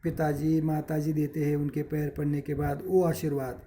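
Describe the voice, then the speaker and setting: A man teaching a grammar lesson, reading words one at a time and slowly explaining pronunciation. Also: on the high side, little pitch movement, warm tone, slight background noise. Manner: slow, deliberate word-by-word reading with explanations. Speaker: school teacher. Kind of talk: recorded Hindi grammar lesson. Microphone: screen recording with device mic.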